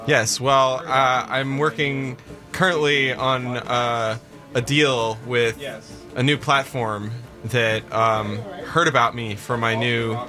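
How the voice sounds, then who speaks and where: Deadpan male radio co-host over music. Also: mid-range voice, slow pace. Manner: dry, teasing, deadpan jokes. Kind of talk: casual on-air banter. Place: radio studio.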